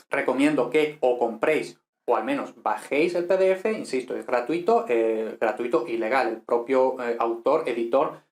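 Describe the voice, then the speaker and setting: A man teaching Latin, explaining a text in a relaxed, chatty way with many fillers and questions tacked on at the end. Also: medium pitch. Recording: roomy echo.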